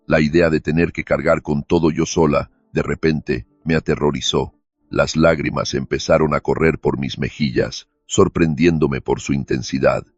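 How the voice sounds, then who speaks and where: A man reading a dramatic first-person story in a steady, even narration. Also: very deep voice, moderate pace, husky, no room sound. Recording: dull lo-fi recording with faint music.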